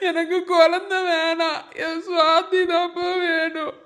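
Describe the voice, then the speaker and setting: A man's voice: very high-pitched, takes it slowly, fairly bright tone, exaggerated voice. A performer voicing a grieving young husband in a cartoon, sobbing and begging for his dying wife. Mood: sobbing plea. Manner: sobbing, pleading. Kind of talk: cartoon voice acting.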